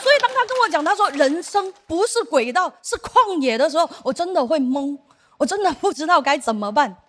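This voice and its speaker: High-voiced woman doing stand-up. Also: expressive, a little fast, fairly bright tone, slight background noise. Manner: storytelling, acts out quoted voices. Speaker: stand-up comedian. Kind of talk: stand-up comedy set. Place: theater stage with audience.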